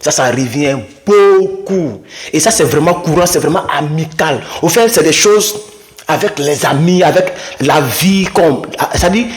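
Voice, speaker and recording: Lively man teaching at a whiteboard. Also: measured pace. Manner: lively, acts out little dialogues in a higher voice. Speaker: English teacher. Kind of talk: casual video lesson at a whiteboard. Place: room with a small whiteboard.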